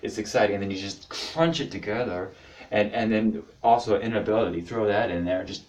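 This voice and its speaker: A man in his twenties doing a rambling confessional stand-up to his camera, halting with many fillers and restarts. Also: fairly low pitch, far from the mic. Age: 20s. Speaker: amateur stand-up comic. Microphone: camera mic.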